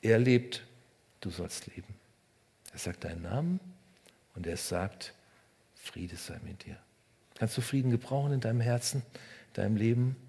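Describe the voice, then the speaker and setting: A man preaching a sermon in short phrases, speaking straight to the listener and swinging between loud emphasis and hushed, almost whispered lines. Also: mid-range voice, gravelly, slightly rough. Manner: addresses the listener directly and personally. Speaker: pastor.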